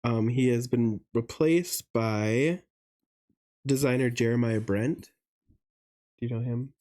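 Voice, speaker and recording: A young adult man co-hosting a podcast, with a warm, mellow tone. He gossips casually and often pauses on "um" and "like" while telling stories. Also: mid-range voice. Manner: chatty, gossipy, many fillers. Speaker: podcast co-host. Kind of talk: casual chat.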